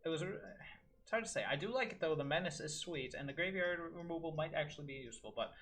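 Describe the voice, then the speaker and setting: A man's voice: on the high side, expressive, fast, a bit bright. A man giving casual gameplay commentary at home, muttering his thoughts aloud with dry little asides. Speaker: gaming video host. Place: room at home with window open.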